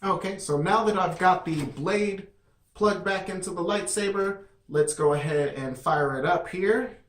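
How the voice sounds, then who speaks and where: Man, casual product review, rambling, fillers, fairly high voice, roomy echo. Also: measured pace. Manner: rambling, many fillers and restarts. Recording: echoey room.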